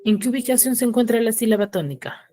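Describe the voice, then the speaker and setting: A woman teacher giving an online class, asking patient questions and slowing down to spell out syllables. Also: fairly high pitch, warm tone, no room sound. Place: home room for an online class.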